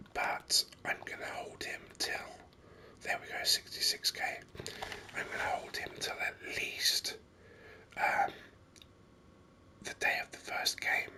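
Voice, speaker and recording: Close to the microphone, a man delivers unhurried, rambling ASMR video game commentary as a gaming video host. His whisper is breathy and very bright, with a crisp, sharp edge.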